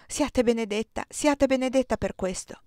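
A woman's voice: fairly high pitch, moderate pace, darkish tone, no echo, clean studio sound, pitched above the performer's own voice, close to an everyday voice. A woman reading the lines of a desperate, guilty man who pleads for forgiveness. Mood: pleading.

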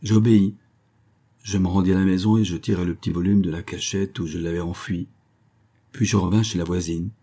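A man reading a classic short story aloud in measured, unhurried storytelling. His voice is low and husky, with a dark, mellow color. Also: fairly even intonation. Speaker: audiobook narrator. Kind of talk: literary audiobook narration.

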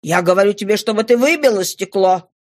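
A woman voicing a scheming, gruff old father who barks curt orders in an audiobook reading. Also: mid-range voice, lively intonation, brisk, dry recording, clean studio sound, lightly acted. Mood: commanding.

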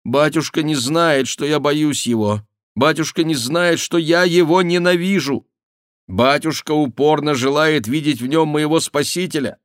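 A man's voice: deep voice, fairly even intonation, unhurried, a little mellow, dry recording, studio quality. A man reading an audiobook voices a desperate young noblewoman who is pleading her case. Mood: anguished pleading. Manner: pleading, raised voice.

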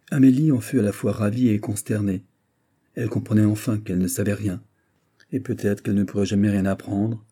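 A man reading a classic novel aloud as an audiobook, calm and even. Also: on the low side, slightly rough. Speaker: audiobook narrator.

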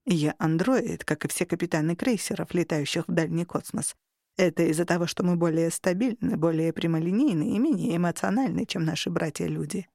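A woman voicing a mild, hesitant male android starship captain, with halting, uncertain speech. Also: lowish voice, darkish tone, dry recording, clean studio sound.

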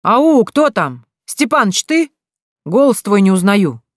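A reader voicing an older retired farmer with a grey beard who is chatty and welcoming, talking in a hearty, drawn-out way. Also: medium pitch, animated, no room sound, clean studio sound, natural voice. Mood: calling out.

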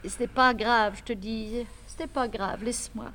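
A woman's voice: fairly high pitch, fairly even intonation, normal speed, sharp tone, slight background noise. A woman playing a distraught woman who hides her grief and pleads to be left alone, in a 1950s stage comedy recording. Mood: upset, pleading. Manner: pleading, tearful. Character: distraught, secretive woman holding back tears.

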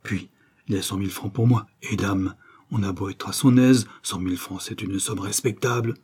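A man's voice: lowish voice, steady tone, moderate pace, darkish tone, breathy edge. A man reading an audiobook, voicing a middle-aged detective who mutters fretfully to himself. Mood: musing. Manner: fretful inner musing. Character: anxious greedy middle-aged male detective.

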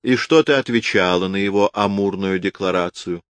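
A man's voice: deep voice, moderate pace, clear, resonant tone, no room sound, lightly acted. A man voicing a cunning, mocking count in a historical audiobook. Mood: sly.

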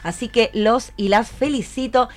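A radio show host with an Argentine accent leads a live interview, cheering on her guests and firing off many questions. Her voice is on the high side and a little slow.

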